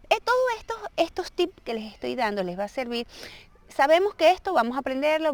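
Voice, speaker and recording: A woman with a medium-pitched voice gives a casual video lesson. She is a native Spanish speaker and explains things patiently and step by step. She keeps checking that her viewers follow along. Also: dry recording. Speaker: language teacher.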